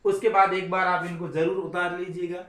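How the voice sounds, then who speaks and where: A man's voice: sits high, little pitch movement, moderate pace, fairly bright tone, roomy sound. A man from India teaching a grammar lesson, asking his own questions and answering them.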